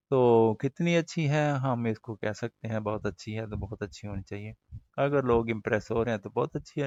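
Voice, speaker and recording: Low-voiced man teaching English pronunciation. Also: no room sound, lo-fi sound. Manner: conversational, slow, repeats example words carefully. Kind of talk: explanatory lesson.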